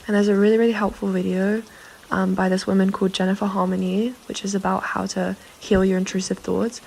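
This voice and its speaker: A slightly sick young woman offers earnest, reassuring self-help advice to camera in a casual vlog, using lots of fillers. Her medium-pitched voice is gravelly and a little mellow, and the poor audio carries slight background noise.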